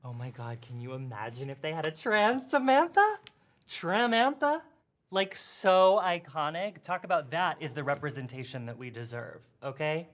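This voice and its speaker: A woman's voice: deep voice, expressive, moderate pace. A woman playing a vain young podcaster who gushes and fills her talk with "like". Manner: gushing, airy, valley-girl filler "like". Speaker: podcast co-host. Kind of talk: comedy sketch.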